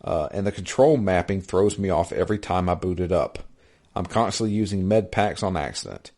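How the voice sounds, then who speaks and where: Low-voiced man chatting about games. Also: brisk, darkish tone. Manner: rambling, self-correcting, reads listener email aloud. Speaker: podcast co-host. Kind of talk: casual gaming podcast chat.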